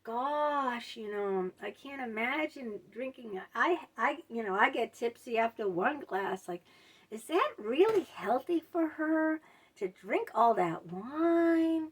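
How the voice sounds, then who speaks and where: A woman's voice: a little high, expressive, takes it slowly, husky, recorded from a distance, exaggerated voice. A woman mimicking a syrupy fake-caring gossip. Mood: fake concern. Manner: syrupy, falsely concerned.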